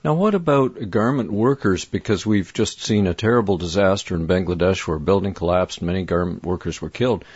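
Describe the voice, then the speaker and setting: A man's voice: low-pitched, a little fast, hardly any pauses, darkish tone, breathy edge, no room sound. A man hosting an interview, thoughtful, raising questions and sharing what he has read. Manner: thoughtful, asks leading questions. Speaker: interview host. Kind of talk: interview conversation. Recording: dry, dull lo-fi sound.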